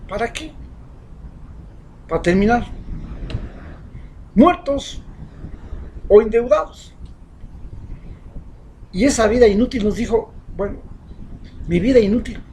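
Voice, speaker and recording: A man with an Ecuadorian accent, his voice high and animated, speaks slowly with long pauses in an impassioned, rhetorical monologue as a social commentator. He swings between shouting outbursts and whispered asides, and the poor audio carries a little hiss or hum.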